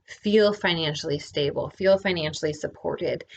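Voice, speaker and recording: A woman's voice: lowish voice, moderate pace, a little hiss or hum. A woman giving a casual spiritual lesson, often checking in with "right?". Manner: relaxed, often adds "right?". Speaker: spiritual teacher.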